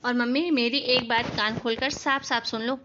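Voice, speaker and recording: A woman voicing a spoiled, bossy young married daughter in an animated family story, snapping and shouting orders. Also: on the high side, moderate pace, lo-fi sound, a little hiss or hum, close to an everyday voice. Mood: angry. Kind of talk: animated cartoon voice acting.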